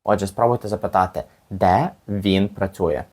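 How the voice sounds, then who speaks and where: A man teaching a language lesson step by step, patiently saying each phrase slowly and repeating it for the learner. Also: sits low, darkish tone.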